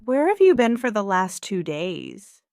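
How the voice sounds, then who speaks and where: A woman voicing a friendly male police sergeant who coaxes gently in a read-aloud storybook. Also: medium pitch, big pitch swings, a little slow, no echo, studio quality, pitched above the performer's own voice. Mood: coaxing. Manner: kind, coaxing. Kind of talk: storybook reading.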